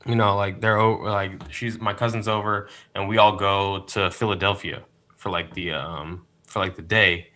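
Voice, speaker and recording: Lower-voiced bright guest storyteller. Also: male voice, fairly even intonation, moderate pace. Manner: rambling storyteller with many fillers, rueful. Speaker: podcast guest. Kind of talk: casual chat.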